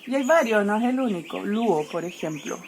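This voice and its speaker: A woman teacher explaining grammar to her students, checking in constantly with a quick "¿ya?" and playfully treating letters as if they fight and die. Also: mid-range voice, lively intonation, a little hiss or hum. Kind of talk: explaining Greek grammar lesson.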